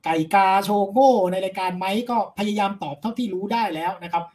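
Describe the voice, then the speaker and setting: A man's voice: high-pitched, fairly quick, darkish tone. A man, a philosophy lecturer, talking bluntly and confidently with crude casual speech in an interview.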